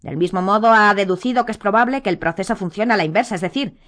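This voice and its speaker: A woman voicing a cold, stern male wizard teacher in an audiobook, speaking slowly and measuring each word. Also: medium pitch, a bit bright, lightly acted. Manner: slow and measured, icy.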